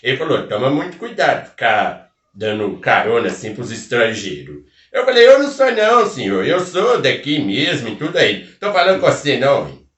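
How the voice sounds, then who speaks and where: A man's voice: medium pitch, fairly bright tone. A man playing a folksy rural storyteller with a Minas Gerais caipira accent, rambling through a comic tale full of country interjections and asides. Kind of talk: comic folk tale telling. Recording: roomy sound from a distant mic.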